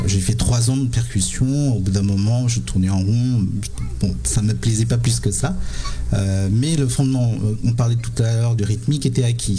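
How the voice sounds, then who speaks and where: Low gravelly man, halting speech. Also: mellow. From Sri Lanka. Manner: halting, many fillers and repeated words. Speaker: musician guest. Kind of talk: interview answers.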